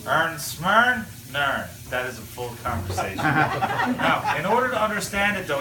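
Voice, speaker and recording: A man with a Newfoundland accent hosting a joking lesson, playfully drilling the crowd in call-and-response. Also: medium pitch. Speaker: host teaching visitors local sayings. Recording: echoey room from far off with loud noise.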